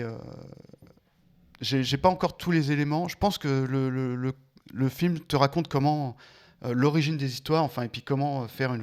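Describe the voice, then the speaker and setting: A man talking through his reading of a film's story, halting often with fillers and restarts. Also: mid-range voice, a little mellow. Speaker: film discussion guest. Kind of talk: casual spoken film analysis.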